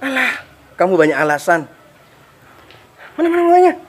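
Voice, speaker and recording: An actor playing a harsh, rude shopkeeper neighbor who scolds a debtor, with a husky, belittling voice in a web drama. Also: male voice, sits high, big pitch swings, moderate pace, fairly bright tone, slight background noise. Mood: scolding. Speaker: neighbor shop owner.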